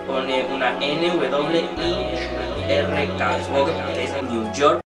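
A man's voice: fairly high pitch, slow pace, reverberant, recorded from a distance. Chatty young man vlogging. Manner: chatty, animated, jokey asides. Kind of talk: casual haul vlog. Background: background music.

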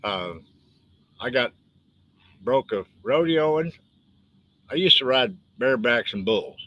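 A man's voice: mid-range voice, animated, slow pace, highs cut off. An older man with a West Texas twang, an author chatting casually and rambling in a folksy way on a live stream. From West Texas, United States. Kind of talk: casual live-stream chat about own books.

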